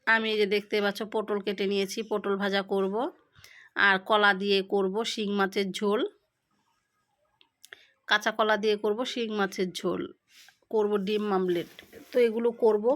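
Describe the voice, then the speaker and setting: A middle-aged woman vlogging about her day at home, talking slowly and haltingly with pauses while she has a headache, filmed on a phone set down nearby. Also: medium pitch, level tone, a bit bright. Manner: slow, halting talk with pauses. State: unwell with a headache. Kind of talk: casual daily-life vlog. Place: home kitchen and village shop.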